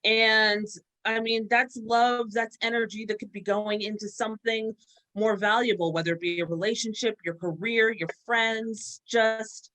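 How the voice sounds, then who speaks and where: A woman guest on a video-call panel chat, speaking frankly with halting restarts. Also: fairly high pitch, fairly even intonation, bright, forceful tone, poor audio.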